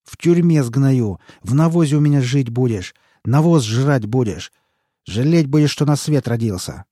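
Hot-tempered boss read by a man: loud, hissing threats, husky, dry. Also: mid-range voice, big pitch swings, moderate pace, no echo, pitched above the performer's own voice. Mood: raging. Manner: harsh, shouting threats, hissing. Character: brutal, hot-tempered male boss interrogating an underling.

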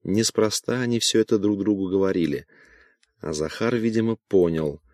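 Low-voiced man narrating an audiobook. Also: moderate pace, darkish tone, no echo, studio quality.

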